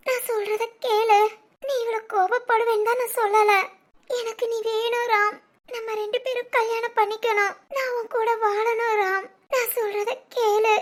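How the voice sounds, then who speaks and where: A woman voices a frightened young bride who keeps begging through tears. Her voice sits extremely high and thin. This is amateur family drama voice acting. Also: steady tone, moderate pace, fairly bright tone. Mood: pleading, tearful. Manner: pleading, repeats her partner's name. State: crying.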